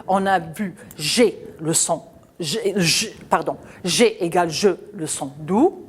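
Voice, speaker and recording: A woman teaching a children's phonics lesson, patient and questioning, spelling out letters and sounds slowly. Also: lowish voice, slightly rough.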